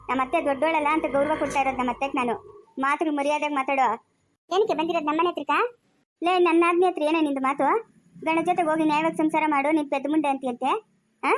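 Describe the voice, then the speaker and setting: A woman's voice: high voice, lightly acted. A woman playing a fierce, protective village woman who berates a neighbour with threats in rural Chikkaballapur Kannada. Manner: loud, threatening.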